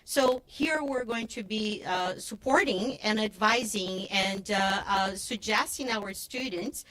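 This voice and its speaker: A woman's voice: mid-range voice, takes it slowly, fairly bright tone. A woman student advisor speaking earnestly about supporting students, with hesitant fillers.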